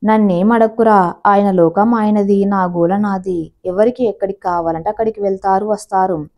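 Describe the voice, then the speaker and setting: A woman's voice: mid-range voice, steady tone, moderate pace, darkish tone, natural voice. Woman doing an aggrieved, quarrelsome housewife. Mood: bitter. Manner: complaining, emotional, indignant. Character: aggrieved middle-aged housewife, hurt and quarrelsome.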